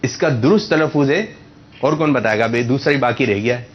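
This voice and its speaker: A man's voice: medium pitch, dull audio. A man hosting a religious quiz show for children, patiently correcting and repeating their answers.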